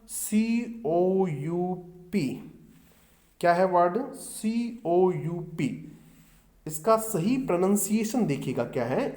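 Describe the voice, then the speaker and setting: With a high-pitched voice and a darkish tone, a middle-aged man teaches vocabulary for an exam. He repeatedly asks the students something before supplying the answer on his own.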